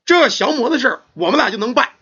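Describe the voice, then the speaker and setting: A man's voice: very high voice, expressive, quick pace, bright, forceful tone, slightly rough, dull audio, voice pushed up, exaggerated voice. A man doing a self-righteous fake priest. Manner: preachy, dismissive.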